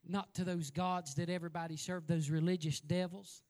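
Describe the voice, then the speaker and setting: A man preaching a sermon as an evangelist, telling a folksy story and building to loud exhortation. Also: on the high side, level tone, normal speed.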